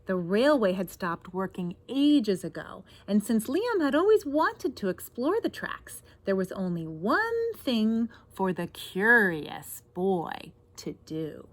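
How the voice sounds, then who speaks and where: Woman, 30s, expressive storybook reader, very varied pitch, taking her time, recorded in a garden with birds and light background noise. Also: slow pace, hardly any pauses. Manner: addresses young listeners, asks guiding questions. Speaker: teacher reading a picture book aloud. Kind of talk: expressive children's read-aloud with asides. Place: outdoors in a backyard garden. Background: birdsong, faint outdoor noise.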